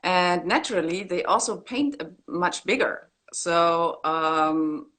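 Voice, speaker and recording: Low-pitched woman, candid and loose, video-call guest. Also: slow. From East Germany. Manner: relaxed, candid, with frequent fillers and laughs. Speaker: graffiti artist guest. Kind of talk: casual video-call interview. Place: indoor room at home. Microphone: laptop webcam on a video call.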